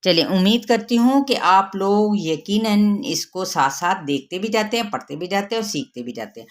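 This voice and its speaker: A woman with a Pakistani Urdu accent teaching a tajweed lesson, explaining each rule and then reciting the words slowly and drawn out to demonstrate. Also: medium pitch, expressive. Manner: patient, repeats and stretches Arabic words to demonstrate.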